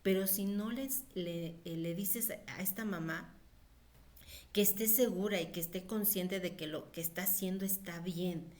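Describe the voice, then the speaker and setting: A woman's voice: on the low side, a little slow, darkish tone. A woman giving an informal lecture on pediatric nutrition, chatty, with many fillers. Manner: conversational, with frequent fillers and acted-out quotes of mothers.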